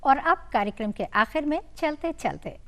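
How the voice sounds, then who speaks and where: A woman's voice: high-pitched, animated, moderate pace. A woman hosting a TV health show, speaking in a polite, formal presenter's manner. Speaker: TV show host. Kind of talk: broadcast hosting.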